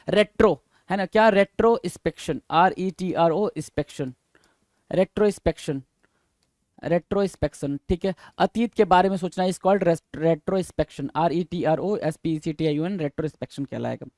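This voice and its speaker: A man teaches exam vocabulary, moving between Hindi and in a fairly high voice. He drills each answer over and over, spells it letter by letter and fires questions back at the listener. The recording is close and dry, with no room sound. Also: no room sound. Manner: asks the viewer questions and answers them himself.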